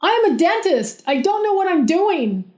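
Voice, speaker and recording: A woman voicing a panicky, cocky adult boyfriend who yells and whines. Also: big pitch swings, normal speed. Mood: panicked. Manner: yelling, frantic, high-strung.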